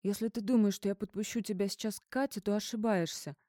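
Woman doing a scared young woman, trembling and pleading, higher than the narration, dry close sound. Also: brisk, dark tone, dry recording, lightly acted.

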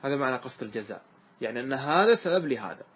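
A man's voice: medium pitch, lively intonation, rapid-fire, fairly bright tone, husky. A man, a sheikh giving a classroom grammar lesson, explaining step by step, repeating examples and quizzing his students.

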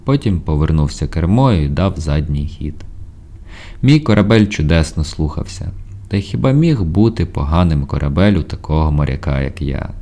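A man reading an audiobook in first person, in a measured storytelling voice with ironic asides. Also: very deep voice, mellow. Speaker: audiobook narrator. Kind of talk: scripted first-person narration.

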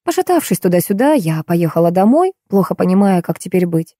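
A woman's voice: lowish voice, sing-song, a little fast, warm tone, dry recording, studio quality. A woman reading a first-person detective novel aloud as an audiobook narrator. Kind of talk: scripted narration.

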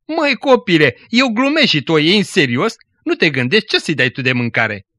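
A man's voice: on the high side, sing-song, pushed and bright, no room sound, voice pushed up. A man playing a scornful village judge in a read-aloud story, speaking in a mocking tone.

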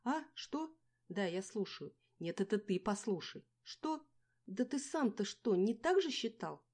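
A woman reading an audiobook, voicing a shrill, irritable young woman in debt who argues sharply. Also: very animated, a little slow, a little mellow. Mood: shrill, arguing. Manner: snappy, exasperated arguing. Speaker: character in an audiobook.

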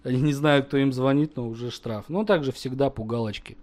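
A man's voice: medium pitch, fairly quick, darkish tone. A man prank-calling a debt collector, mocking him and swearing in a heated argument. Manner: mocking, crude, swearing constantly.

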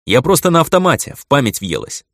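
A man's voice: fairly high pitch, big pitch swings, quick pace, a bit bright, no echo, clean studio sound, voice pushed up. A man voicing a hotheaded young male adventurer who complains in a strained, raised voice. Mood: apologetic.

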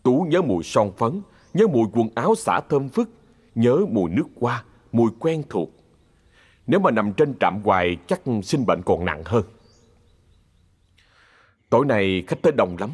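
A man with a Southern Vietnamese accent narrating a ghost story in a lively, expressive way. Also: medium pitch, unhurried, pauses often, breathy edge.

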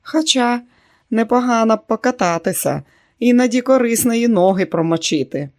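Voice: animated, moderate pace, close to an everyday voice. A reader voicing a jovial Texan oil tycoon in an audiobook, speaking in a hearty manner. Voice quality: booming, laughs loudly. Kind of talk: audiobook character reading.

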